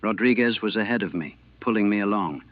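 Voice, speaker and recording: A lowish male voice, with no room sound, belongs to a former navy cook recalling the war in his own words. His delivery is clipped, terse, measured and grave. The old 1940s recording is tinny, narrow-band and dry.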